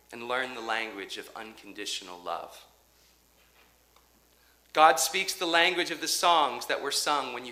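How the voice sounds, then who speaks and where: Male pastor, bright and clear, slow deliberate sermon delivery, reverberant sanctuary. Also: on the high side. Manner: measured, rhythmic preaching with dramatic pauses and quiet drops. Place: church sanctuary. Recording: echoey church sanctuary.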